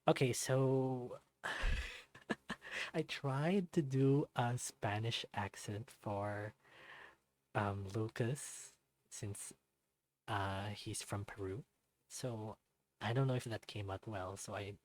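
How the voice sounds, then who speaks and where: A man with a lowish voice hosts a let's-play, reading a visual novel aloud and casually chatting about it in an easygoing way. He reads profile cards out loud with asides, and the recording quality is low.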